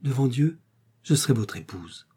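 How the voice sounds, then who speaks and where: Brief: man reading a young noble lady in a storybook, fervent, tender, pitch lifted, husky dark tone. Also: animated, moderate pace. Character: young noble woman in love, anguished.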